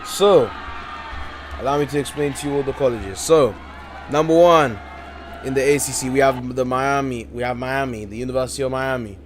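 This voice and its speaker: It's late at night in a UK home, and a man is commentating a live-streamed game event in a medium-pitched voice at a moderate pace. There's slight background noise. Tired but hyped, he repeats himself often and keeps addressing "you guys."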